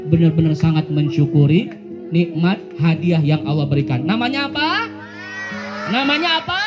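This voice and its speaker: A woman with a deep, animated voice speaks at normal speed on a muffled recording, telling children a religious story and repeating key words while asking them questions. She's heard over loudspeakers at an outdoor mosque yard event, the echoey PA distant beneath crowd sounds and music.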